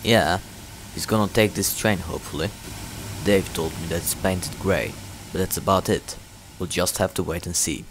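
Tired, apologetic talking locomotive, acted by a man, deep-pitched, for an amateur railway drama. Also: fairly even intonation, moderate pace, background noise. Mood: weary. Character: weary, apologetic male steam engine. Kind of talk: amateur train drama acting.

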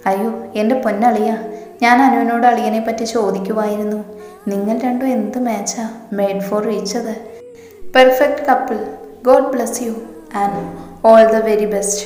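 A woman's voice: on the high side, fairly even intonation, measured pace, dark tone, soft background music, natural voice. A woman reading a babbling, scared young man. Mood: flustered. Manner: babbling nervously. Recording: roomy echo with long reverb.

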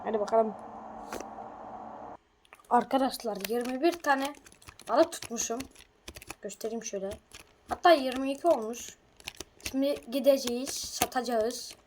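A woman chatting excitably through a game for her viewers, a little sick and hoarse. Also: fairly high pitch, measured pace, pauses often, a little hiss or hum. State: sick, coughing. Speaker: gaming video creator. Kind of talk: casual gameplay commentary.

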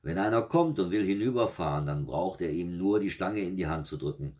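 A man reading aloud and voicing the devil in a fairy tale, a gruff, short-tempered male with a slow, mocking drawl. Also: low-pitched, lively intonation, darkish tone, pitched above the performer's own voice.

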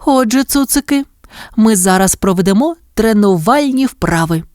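A woman's voice: medium pitch, animated, normal speed, darkish tone, no echo, clean studio sound, voice pushed up, close to an everyday voice. A woman voicing a kind, capable mother dalmatian in a storybook reading, instructing her puppies. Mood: instructive. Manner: instructive, encouraging.

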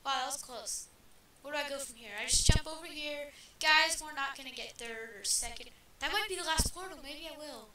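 A high-pitched woman rattles off game commentary, getting worked up over close calls and chatting to her viewers. Her voice comes through a heavy, ringing echo from her own speakers, sitting back from the microphone with a clear hiss of noise behind it. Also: a little fast, recorded from a distance. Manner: chatty, easily excited, talks straight to viewers. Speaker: gameplay commentator. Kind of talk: casual let's-play commentary. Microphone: desk microphone with speakers playing back. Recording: very echoey, off-mic, clear background noise.

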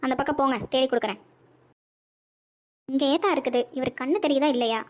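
A woman's voice: sits high, a little fast, close to an everyday voice. A woman voicing a young wife and mother in a cartoon, bossy but sweet, chirpy and scolding.

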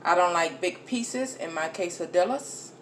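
A woman's voice: on the low side, lively intonation, measured pace. A middle-aged woman talking viewers through a home cooking recipe in a chatty, casual way, speaking to "you guys" as she cooks at her kitchen stove. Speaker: home cook vlogger. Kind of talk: casual cooking vlog narration. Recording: faint noise, food sizzling in the pan.

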